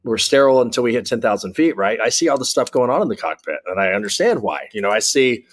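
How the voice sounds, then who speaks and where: An American man, appearing as an interview guest, talks candidly in a mid-range voice that is animated and quick. He is an air traffic controller who explains things bluntly and emphatically, using examples and jargon.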